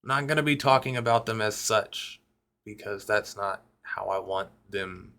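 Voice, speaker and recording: His fairly low voice has vocal fry and a bright, forceful tone, moving at a moderate pace. The young man, a rapper and vlogger, tells a personal story in a loose, cursing, meandering way that keeps stopping short.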